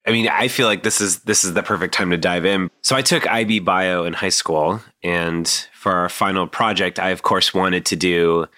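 A man's voice: low-pitched, fairly even intonation, normal speed, few pauses, bright, forceful tone, no room sound, studio quality. A man in his thirties hosting a casual podcast, rambling with plenty of fillers and restarts. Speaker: podcast host.

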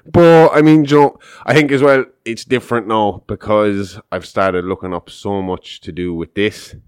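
A man's voice: fairly low pitch, fairly even intonation, moderate pace, smooth, dry recording, studio quality. A man hosting a podcast in casual chat, telling jokes, swearing freely and laughing often. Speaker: podcast host.

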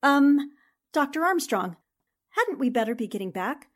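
A high-pitched, sing-song female voice speaks a little slowly, sounding puzzled and uneasy. She's an actress playing a brave, sharp young newspaper reporter in a 1940s-style radio mystery, with an earnest, theatrical delivery.

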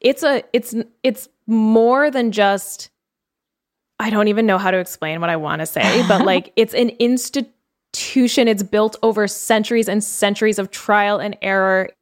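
A woman's voice: medium pitch, measured pace. A woman co-hosting a podcast, telling a case story in a chatty, casual way with lots of fillers. She is from Canada. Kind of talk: casual chat.

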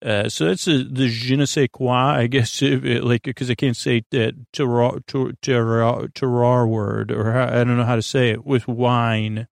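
Close-miked and dry, without room sound, a man hosts a podcast with a sleepy monologue meant to lull listeners to sleep. His gravelly, creaky mid-range voice shows little pitch movement as he wanders, halts, trails off and circles back, gently reassuring throughout.

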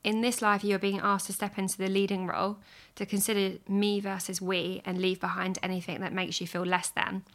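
A woman hosting a podcast, reading an astrology chart in a measured, explanatory way. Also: medium pitch, level tone, fairly bright tone.

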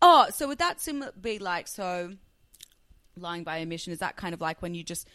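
A young woman from Australia co-hosting a casual podcast, chatty and quick, who often says "literally" and "like.". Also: lowish voice, sing-song, fairly bright tone, no room sound, studio quality. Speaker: podcast co-host. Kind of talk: casual chat. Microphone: phone or remote call.

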